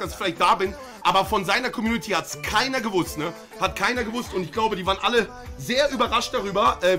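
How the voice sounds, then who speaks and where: A man telling a story in a casual, animated way as a streamer, acting out quotes and often adding "ne?". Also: high voice. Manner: animated, acts out quotes, frequent "ne?".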